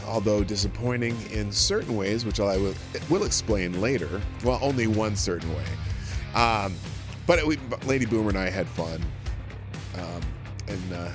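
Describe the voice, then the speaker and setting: A tired, just-woken man hosting a casual morning livestream, rambling informally. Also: fairly low pitch. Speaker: live show host.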